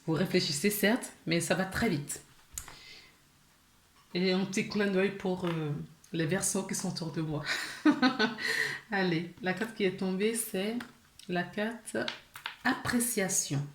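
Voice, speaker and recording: Slow, chatty woman reading tarot. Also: on the low side, roomy sound, background noise. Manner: chatty, laughs often, many fillers and restarts. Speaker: tarot card reader. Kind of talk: casual tarot reading for viewers.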